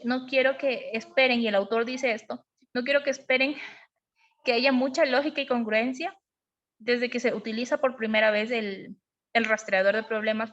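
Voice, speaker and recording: A high-pitched woman leads a parenting lesson. She explains patiently and keeps asking her listeners whether they follow. The sound is dull and lo-fi. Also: a bit bright. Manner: explanatory, asks frequent checking questions. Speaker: parenting educator. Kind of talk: online class on emotional parenting.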